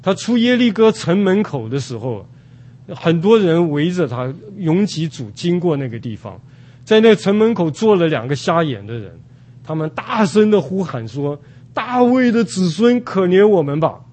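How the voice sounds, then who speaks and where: An older man from Taiwan preaching a sermon at an unhurried pace, with many drawn-out "ah" fillers. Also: on the high side, big pitch swings, a little mellow.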